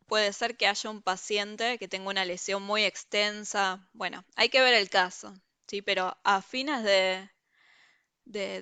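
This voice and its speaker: Teaching a university review class via video call, a woman speaks in a bright, crisp, mid-range voice, patiently explaining each step and pausing often to make sure students keep up with a frequent "¿sí?" The sound is dry and close, with no surrounding room.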